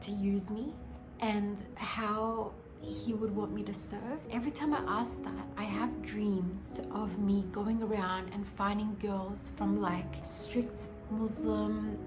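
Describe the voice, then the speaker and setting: A young woman from Australia, telling her life story to camera in a casual, earnest way, full of "like" fillers. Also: medium pitch. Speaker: vlogger. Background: music.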